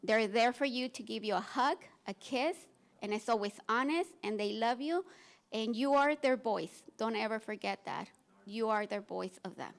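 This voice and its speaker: A woman speaks as a guest, offering heartfelt advice. Her voice sits fairly high, and her delivery is earnest, informal and encouraging. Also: moderate pace, creaky.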